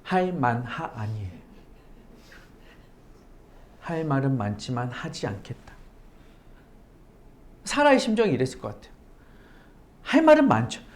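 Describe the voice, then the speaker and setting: Animated woman pastor preaching. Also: very deep voice, measured pace, pauses often. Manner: conversational, asks rhetorical questions; emphatic, repetitive cadence. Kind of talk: sermon.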